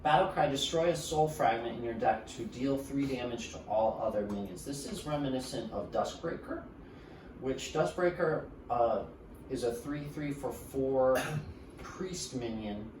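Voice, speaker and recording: A man co-hosting a casual podcast, explaining card games in an unhurried, drawn-out way. He sits back from the mic in a roomy, echoing space. A steady hiss of noise runs under his voice. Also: medium pitch, distant mic. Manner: explains game cards at length, laughs often. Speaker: podcast co-host. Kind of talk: casual chat.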